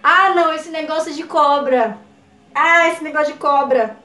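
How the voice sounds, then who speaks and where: A Brazilian woman with a Brazilian Portuguese accent reacting on camera, jumpy and excitable, scared and trembling, swearing and laughing as she talks. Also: high voice, normal speed, reverberant, soft background music. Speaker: YouTuber. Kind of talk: reaction video chat.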